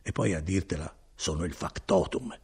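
A man's voice: moderate pace, gravelly, slightly rough, full character voice. A man voicing a good-hearted, talkative male cousin and foreman in an audiobook reading. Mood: welcoming. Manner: chatty and animated, swinging between high and low.

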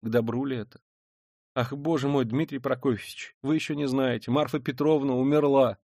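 A man's voice: mid-range voice, fairly even intonation, a little fast, mellow, no room sound, clean studio sound, close to an everyday voice. A man voicing an anxious, fussy older mother who gushes, exclaims and rambles, reading a classic novel aloud. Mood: gushing.

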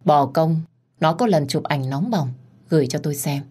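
A woman's voice: normal speed, dark tone, breathy edge. A woman narrating a first-person family drama story, voicing each character's quarrel lines herself. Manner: low voice, rises sharply for quarrel lines. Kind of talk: first-person story reading with voiced dialogue.

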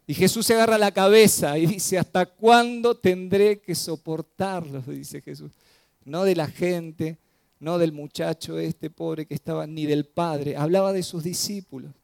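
Predicador de voz algo aguda. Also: male voice, fairly high pitch, vocal fry, no echo. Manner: dramatic storytelling, swings loud and soft, slows for emphasis. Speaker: pastor. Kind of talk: sermon.

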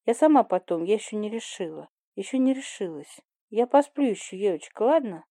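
A woman's voice: medium pitch, lively intonation, fairly quick, dark tone, no room sound, clean studio sound. A woman reading the part of a flippant young woman who teases her older sister in an offhand, mocking way.

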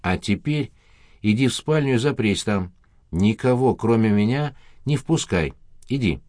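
A fierce middle-aged mother who turns sharp with anger yet soft with her child, read by a man. The voice stays low and dry, with no echo. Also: expressive, measured pace. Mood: soothing. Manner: sharp when angry, soft when soothing.

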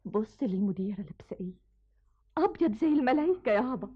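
A woman's voice: on the high side, animated, fast talker, breathy edge. A defiant young orphan girl. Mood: accusing. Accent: Egyptian Arabic. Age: young adult. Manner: accusing, bitter, tearful. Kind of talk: 1970s radio drama acting. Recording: dull old radio recording.

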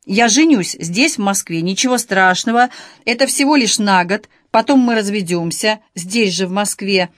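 A woman reading an audiobook, voicing a calm, curt man in his late thirties who talks in a mocking way. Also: mid-range voice, moderate pace, no echo, clean studio sound, lightly acted. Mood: cold.

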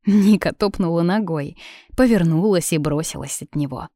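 A woman narrating an audiobook in a calm, even storytelling manner. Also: on the low side, moderate pace, no echo, studio quality. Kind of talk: scripted narration.

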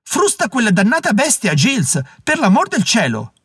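A man reading an audiobook, voicing a frightened old-world gentleman who barks panicky orders at his coachman in a raised, husky voice. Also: high-pitched, wildly swooping pitch, takes it slowly, no echo, clean studio sound, voice pushed up, full character voice. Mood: alarmed. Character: frightened gentleman in a powdered wig.

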